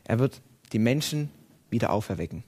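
A man's voice: medium pitch, expressive, fairly quick, a little mellow, slightly rough. A man preaching a sermon and reading Bible passages aloud, with emphatic, rising and falling delivery.

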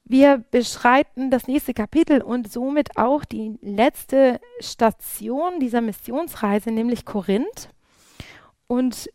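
A woman giving an earnest Bible study sermon, often pausing with fillers and restarting her phrases. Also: a little high, darkish tone, dry recording. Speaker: preacher.

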